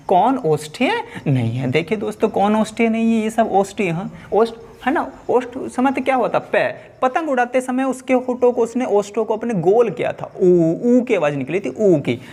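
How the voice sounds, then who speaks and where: A man's voice: sits high, gravelly, a little hiss or hum. A man teaching an exam-prep lesson, asking questions and repeating them to his viewers.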